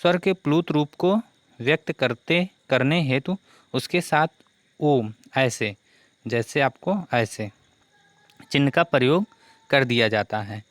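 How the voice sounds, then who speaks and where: A man's voice: mid-range voice, slow, long pauses, dry recording. A man teaching a grammar lesson for exam preparation who keeps asking questions and answering them himself.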